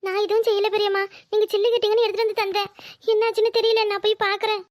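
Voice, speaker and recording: Very high, very fast cartoon niece, timid, pleading, voiced by a woman. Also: flat delivery. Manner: pleading, meek. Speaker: cartoon character.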